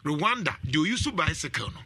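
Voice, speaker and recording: A man hosting a talk show, giving animated, casual commentary and laughing often. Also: a little high, fairly quick, husky. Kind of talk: casual commentary mixing Twi and English.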